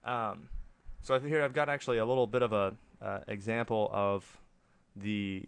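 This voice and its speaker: Low-voiced man giving a casual tutorial. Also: steady tone, normal speed, gravelly, smooth. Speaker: tutorial presenter. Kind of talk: casual screen-recorded software tutorial. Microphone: close microphone, voice-over for screen capture.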